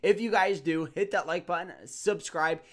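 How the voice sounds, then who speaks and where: A man's voice: high-pitched, normal speed, a bit bright. A man hosting an upbeat trading lesson over a screen share, talking casually and often repeating words as he goes. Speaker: trading course host.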